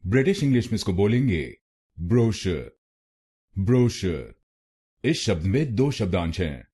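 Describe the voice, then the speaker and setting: A man giving a scripted pronunciation lesson, speaking slowly and deliberately and repeating each word. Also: lowish voice, sing-song, dark tone, husky. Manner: slow, deliberate, repeats words. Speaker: pronunciation teacher.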